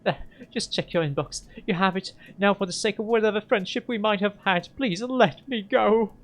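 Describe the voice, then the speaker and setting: A man reading a game aloud and voicing a nervous, defensive male hacker in a higher, strained voice. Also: a little fast, natural voice. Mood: pleading.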